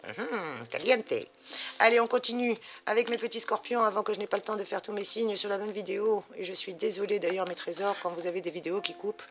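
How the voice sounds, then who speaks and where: A woman's voice: mid-range voice, fairly even intonation, quick pace, hardly any pauses, fairly bright tone. A woman hosting a card-reading channel, giving spiritual guidance to viewers in a chatty, affectionate way, calling them sweet pet names. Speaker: astrology and tarot channel host. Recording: music playing behind voice.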